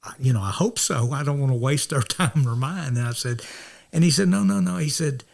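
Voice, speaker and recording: A man's voice: mid-range voice, a little fast, gravelly. Preacher guy from north georgia, middle-aged, rambles and restarts a lot, acts out what people said. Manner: rambling, restarts often, acts out quoted dialogue. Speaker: minister, interview guest. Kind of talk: casual storytelling.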